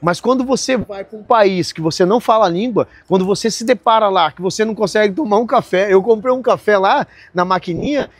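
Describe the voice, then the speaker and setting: High-voiced man, animated. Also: a little fast, hardly any pauses, dry recording. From Brazil. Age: 40s. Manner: lively, laughs often, acts out quoted dialogue. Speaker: podcast guest, marina owner. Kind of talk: animated storytelling in conversation.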